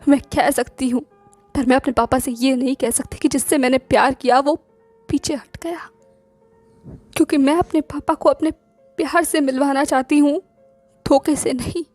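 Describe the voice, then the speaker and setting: A woman's voice: sits high, fairly even intonation, normal speed, pauses often, a little mellow, no room sound, soft background music, lightly acted. A woman voicing a young woman in love who pleads emotionally, as an audiobook character voice. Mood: hurt. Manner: emotional, pleading, teasing at times.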